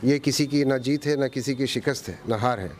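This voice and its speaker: A man's voice: mid-range voice, a little fast, darkish tone, a little hiss or hum. A man reporting from the street, asking probing questions and restating the answers back. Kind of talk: street interview.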